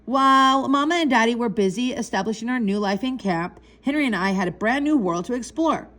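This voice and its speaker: A woman narrating a children's story in an expressive reading voice. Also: a little high, fairly quick. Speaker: reader.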